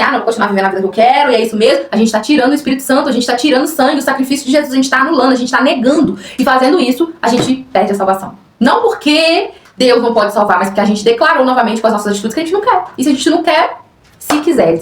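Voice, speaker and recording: A woman's voice: fairly high pitch, roomy sound. A Brazilian woman teaching the Bible in a chatty, earnest way, speaking straight to her listeners as a friend. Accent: Brazilian Portuguese.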